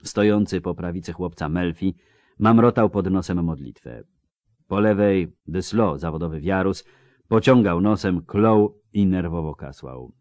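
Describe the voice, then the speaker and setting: Man reading an audiobook, low and measured. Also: darkish tone, no room sound. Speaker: audiobook narrator. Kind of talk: scripted narration.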